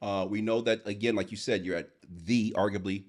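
A man's voice: fairly low pitch, fairly quick. A man hosting a podcast, talking in an emphatic, hyped-up casual way. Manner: animated, emphatic, hypes the show. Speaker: podcast host.

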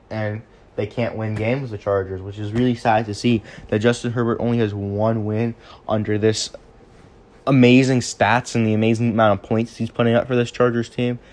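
A man's voice: fairly low pitch, darkish tone. A young man hosting a casual sports podcast, recapping games off the cuff, with frequent restarts and stumbles. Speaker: podcast host.

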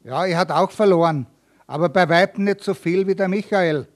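A man's voice: sits high, moderate pace, natural voice. A young tavern maid answers bluntly, in earthy, plain speech. A man reading a story aloud lifts his voice slightly to give her this manner.

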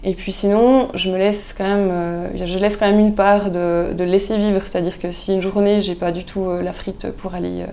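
A woman, a guest chatting casually in an interview, relaxed and thoughtful with frequent hesitations. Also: mid-range voice, moderate pace, few pauses. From Switzerland. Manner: relaxed, thoughtful, many hesitations, laughs easily. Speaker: guest, soap maker.

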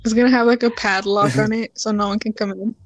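A woman's voice: medium pitch, fairly even intonation, quick pace. A young woman co-hosting a casual chat, blunt and teasing. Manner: blunt, teasing, frequent "like" fillers. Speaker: podcast co-host.

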